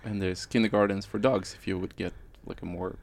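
Creaky low-voiced man chatting casually. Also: steady tone, brisk, a little mellow, no room sound. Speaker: podcast co-host. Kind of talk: casual chat.

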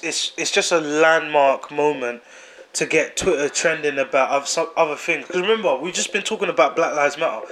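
A man talks in a high, light voice. He is animated and slangy, and he repeats phrases for emphasis in a casual podcast chat.

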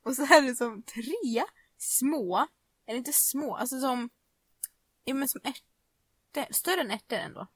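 Young woman, podcast co-host, high voice, dry close recording, lively laughing storyteller. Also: pauses often, breathy edge, no room sound. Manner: animated storyteller, laughing, swearing. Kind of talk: casual chat.

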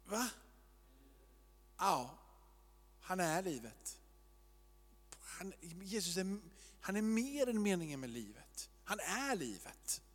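A man preaches a sermon, his voice pitched a little high for a man. He wanders between muttered asides and swelling, repeated declarations. The sound carries a long church-hall reverb. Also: very animated, long pauses. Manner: loose and searching, with shifts between quiet asides and rising emphatic repetition. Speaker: pastor.

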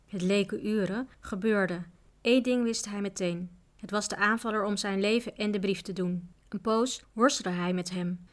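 A woman narrating a children's adventure book aloud in a steady, even reading voice. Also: medium pitch. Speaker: audiobook reader. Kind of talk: storybook narration.

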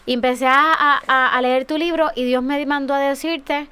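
A woman's voice: high voice, fairly even intonation, moderate pace, pushed and bright. A woman, a guest telling an emotional personal testimony on a radio talk show, with many fillers. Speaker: guest author and speaker.

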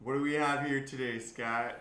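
A man's voice: mid-range voice, fairly even intonation, moderate pace, sharp tone. A man co-hosting a casual podcast, upbeat and teasing. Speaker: podcast co-host. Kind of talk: casual chat. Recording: echoey room.

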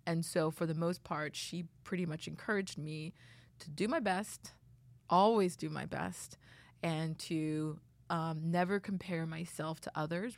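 A woman from Canada, a tech leader and former attorney, answering interview questions in a measured, articulate way in a studio. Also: low-pitched, gravelly, dry recording.

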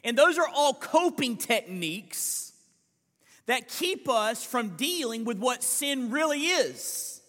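A man's voice: extremely high pitch, sing-song, takes it slowly, sharp tone. A man preaching a live Sunday sermon as senior pastor, explaining scripture earnestly and asking the congregation pointed questions. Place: church sanctuary. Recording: long church reverb.

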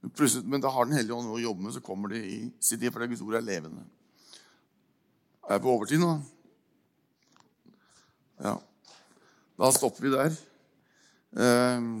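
An older man giving an informal sermon, telling a personal story with halting speech, repeated words and fillers before closing in prayer. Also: medium pitch. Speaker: preacher.

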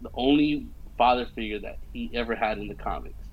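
A man's voice: mid-range voice, a little fast, slight background noise, low-quality recording. A young man casually retelling a film scene by scene, with lots of fillers and check-ins with his listener. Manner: animated storytelling with many fillers and "you know what I mean". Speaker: movie fan recapping a film. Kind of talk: casual chat.

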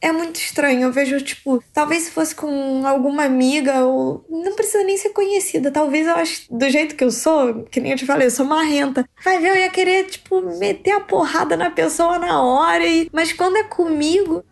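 Gravelly-voiced woman telling a hard story. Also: high voice. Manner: emotional, halting, with frequent fillers. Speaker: engineer guest. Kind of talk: personal account in conversation.

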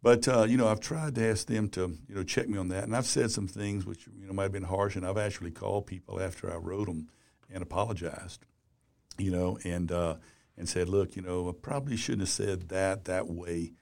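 A gravelly older man in his sixties, a publisher looking back on his career in an easygoing interview. His voice sits fairly low, and he rambles loosely, filling the gaps with "you know". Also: fairly even intonation, a little fast, a little mellow. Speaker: business publisher and columnist. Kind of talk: casual interview talk.

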